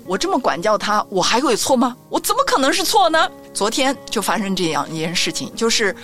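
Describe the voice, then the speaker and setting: Brief: middle-aged woman, co-host of a faith talk show, lively storyteller, soft music bed behind. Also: a little high, a little fast. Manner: animated storytelling, acts out quoted voices.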